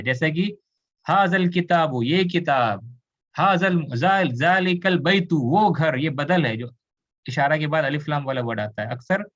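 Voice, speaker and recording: A man's voice: on the high side, lo-fi sound. A man from India teaching an Arabic grammar class, explaining patiently, switching into English and asking students questions. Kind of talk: online class lecture.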